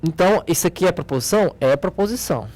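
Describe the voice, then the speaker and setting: A man's voice: high-pitched, lively intonation, fast talker, darkish tone. A man with a Brazilian accent teaching logic, patiently explaining an exercise at a board and checking in often with short questions to his students. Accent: Brazilian Portuguese. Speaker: math teacher.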